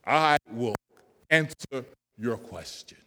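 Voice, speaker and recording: A man voicing a wise female mountain deity, speaking in a calm, solemn way. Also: mid-range voice, takes it slowly, pitched below the performer's own voice, exaggerated voice. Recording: long hall reverb.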